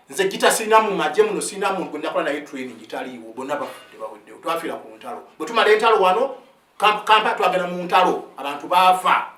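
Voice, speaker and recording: A Luganda-speaking army sergeant in his fifties gives an impassioned spoken account in a high-pitched, fairly bright voice. He mixes in English phrases, keeps asking his listeners "eh?", and stumbles into restarts. The sound is roomy and distant, set back from the mic.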